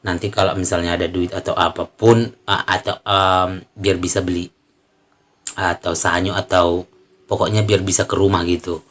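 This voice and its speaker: A man with a very low voice talks casually to his viewers from outdoors beside a spring. He is from North Sumatra and pauses often, filling gaps with hesitant "em" sounds as he explains things. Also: flat delivery, a bit bright. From North Sumatra, Indonesia. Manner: hesitant, with many filler sounds. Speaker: vlogger. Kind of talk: casual vlog narration.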